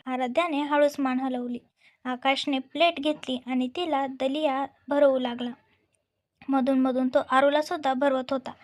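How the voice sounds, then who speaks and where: High-voiced woman reading a story. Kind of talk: scripted story narration.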